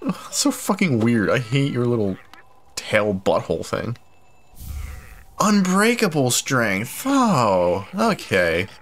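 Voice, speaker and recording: A man's voice: mid-range voice, wildly swooping pitch, slow pace, a bit bright. A man giving casual, profane let's play commentary, full of exasperated comic rants. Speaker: gamer playing through a game. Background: game music.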